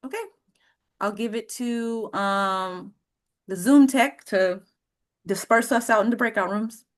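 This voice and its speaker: Higher-voiced woman moderating a webinar. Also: slow pace.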